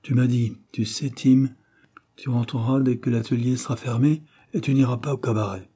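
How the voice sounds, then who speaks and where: A man's voice: medium pitch, steady tone, normal speed, mellow, breathy edge, voice pushed up, lightly acted. A man voicing a meek, timid little working man who speaks plaintively and hesitantly.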